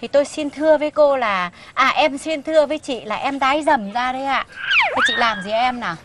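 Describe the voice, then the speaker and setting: Brief: actress as an older sharp-tongued Northern Vietnamese mother-in-law, fairly high voice, nagging and sarcastic, sitcom. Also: a little fast, very noisy, natural voice. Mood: indignant. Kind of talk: sitcom acting.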